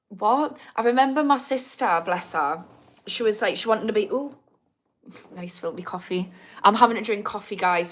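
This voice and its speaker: On a casual livestream, a thirty-something woman with a Geordie accent responds to comments from viewers, laughing a lot and making fun of herself. Her voice is mid-range and a bit bright.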